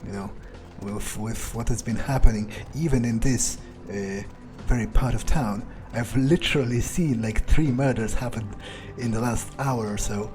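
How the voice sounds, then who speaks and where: Playing a cynical, foul-mouthed male vampire roaming a city in search of prey, this gameplay roleplayer thinks aloud to himself, muttering in a casual, sweary, hesitant way that sounds frustrated and sardonic. His natural, slightly mellow mid-range voice moves at a moderate pace with hardly any pauses, over game music.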